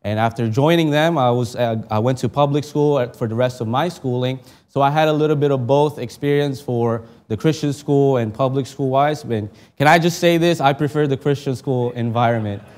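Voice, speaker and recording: A young Filipino man preaches a sermon, reading scripture and praying with earnest, heartfelt feeling, his voice rising for emphasis and softening in prayer. His pitch is medium and his pace brisk, with few pauses.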